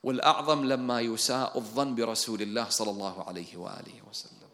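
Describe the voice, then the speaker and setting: A man preaching a sermon in a dramatic storytelling style, swinging between hushed and loud. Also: medium pitch, steady tone, fast talker. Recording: long hall reverb.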